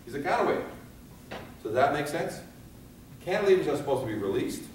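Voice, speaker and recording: A man's voice: a little high, sing-song, brisk. A man teaching a class of firefighters. He keeps asking the room questions, answers them himself, and acts out scenes in different voices. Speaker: fire safety instructor. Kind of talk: live training talk to firefighters. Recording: echoey, from far off, with some background noise.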